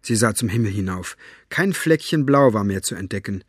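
A man narrating an audiobook with a measured storytelling delivery. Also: on the low side, expressive, husky, no room sound, clean studio sound. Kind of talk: scripted narration.

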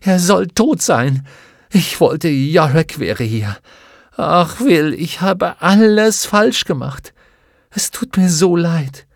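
A young girl in a storybook cries out through her sobs, her voice pushed high and loud above the reader's own, as a man acts her out. The sound is dry and close, with no room around it. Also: expressive, takes it slowly, creaky, no echo, exaggerated voice. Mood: sobbing fury. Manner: high, loud, crying outbursts. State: sobbing. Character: distraught young girl, furious and sobbing.

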